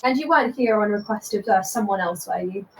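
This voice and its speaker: A woman's voice: medium pitch, fairly quick, voice pushed down, natural voice. A woman voicing a stern, suspicious young man in his twenties who questions pointedly and sarcastically. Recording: echoey room with faint noise.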